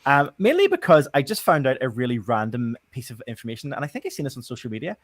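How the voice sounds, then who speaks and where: Rambling podcast host, dry sound. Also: male voice, medium pitch, sing-song, fast talker, no room sound. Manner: rambling, many ums and restarts. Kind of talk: casual chat.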